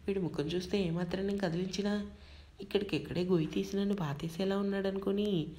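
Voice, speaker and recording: Woman doing timid young woman assistant, soft, pleading, worried, audio story. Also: medium pitch, fairly even intonation, fairly quick, slight background noise, natural voice.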